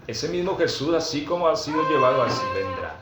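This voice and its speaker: With big pitch swings and loud music behind him, a pastor teaches a sermon at a church gathering. He reads scripture aloud slowly and with emphasis, often questioning the congregation, and the recording is roomy, dull, and low-fi.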